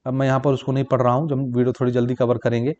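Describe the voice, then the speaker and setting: A man with a Chhattisgarh Hindi accent giving a brisk exam-prep physics lesson, calling his students brother and child. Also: mid-range voice, little pitch movement, darkish tone, lo-fi sound. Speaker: physics teacher.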